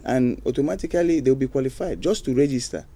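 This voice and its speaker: A man's voice: medium pitch, fast talker, dark tone. A man answering interview questions as a studio guest, hesitant with many fillers. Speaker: studio guest, youth program official.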